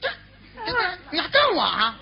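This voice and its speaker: A woman's voice: extremely high pitch, wildly swooping pitch, normal speed, vocal fry, full character voice. A woman playing a brash joking brother-in-law with a Northeastern accent. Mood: teasing. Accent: Northeastern Chinese. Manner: teasing, boisterous banter. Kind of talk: errenzhuan stage comic duet. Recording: slightly dull recording with faint noise.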